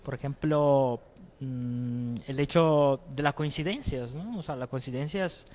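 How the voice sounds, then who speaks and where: A man from Italy with an Italian accent, speaking Spanish as a guest in a casual interview, reflective and hesitant with frequent pauses. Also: mid-range voice, darkish tone.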